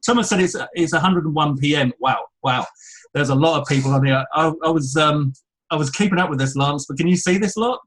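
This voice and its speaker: Husky-voiced English man hosting a webinar. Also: fairly high pitch, a bit bright, rough recording. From England. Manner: chatty, reads out attendee names with quick asides. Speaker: webinar host. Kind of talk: casual live webinar welcome. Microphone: headphones with mic.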